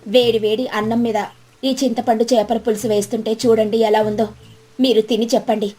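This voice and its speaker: A woman voicing a meek, gentle cook's wife in a storybook tale. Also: on the high side, little pitch movement, a little fast, lightly acted. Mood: humble.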